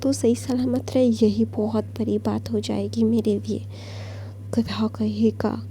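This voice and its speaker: A woman's voice: a little high, little pitch movement, measured pace, warm tone, slight background noise. A woman voicing a grumbling father who scolds his son with muttered insults.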